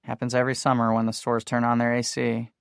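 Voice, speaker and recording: A man doing a sharp, teasing teenage girl. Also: mid-range voice, monotone, fast talker, creaky, clear, resonant tone, no echo, studio quality, close to an everyday voice. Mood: insistent. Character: bold wisecracking teenage girl.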